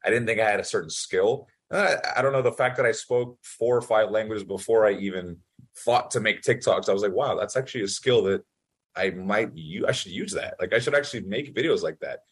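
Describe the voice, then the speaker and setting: This Italian-born young man has a lowish voice with a breathy edge. Appearing as a podcast guest in a relaxed interview, he spins quick, lively stories packed with fillers and quotes he acts out.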